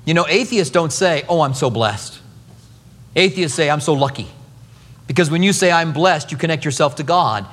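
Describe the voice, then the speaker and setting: Man in his fifties, pastor, lively swooping delivery, high voice, long hall reverb. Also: moderate pace. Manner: animated, conversational, acts out quotes. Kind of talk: expository sermon.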